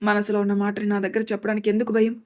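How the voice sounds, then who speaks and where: A woman's voice: medium pitch, monotone, rapid-fire, a little mellow, lightly acted. A woman voicing a devoted young man who firmly reassures the woman he loves. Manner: reassuring, firm.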